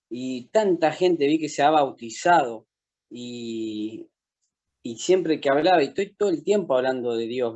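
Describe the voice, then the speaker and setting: A man's voice: on the high side, a little mellow. A man, a street evangelist, asking his pastor a question in a conversational way and often tagging phrases with a question. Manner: conversational, tags phrases with "verdad".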